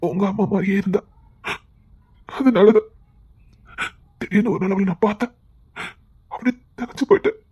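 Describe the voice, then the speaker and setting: A man's voice: high-pitched, normal speed, long pauses, mellow, husky. An actor playing a grieving widowed father who is lonely and full of guilt, tearful and lamenting in a brokenly spoken TV serial scene. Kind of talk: TV serial acting.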